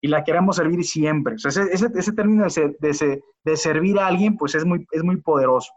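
A man speaks as a guest in a casual podcast interview. His voice sits a little high, and he talks earnestly, doubling words as he restarts his sentences. The audio is dull and lo-fi. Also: brisk.

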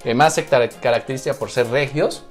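Joking Mexican podcast co-host. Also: male voice, mid-range voice, moderate pace, soft background music. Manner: joking, laughs often, slangy. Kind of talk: casual comedy chat.

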